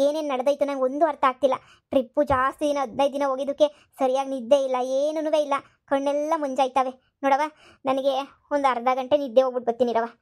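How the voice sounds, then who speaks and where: A woman's voice: sits high, natural voice. A woman voicing a stubborn older village mother-in-law who scolds and repeats herself. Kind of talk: cartoon voice acting.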